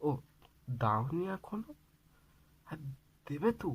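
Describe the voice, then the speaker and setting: A man's voice: a little high, very animated, slow pace, slightly rough. A young Bengali man acting out a one-sided phone call in a comedy skit, coaxing, sweet-talking, then scolding and pleading.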